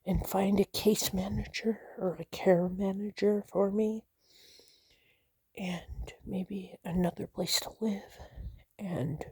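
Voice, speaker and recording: A woman whispering a personal vlog, nervous and shaky, halting with many fillers and restarts. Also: medium pitch, fairly even intonation, a little mellow, breathy edge, no room sound. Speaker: vlogger.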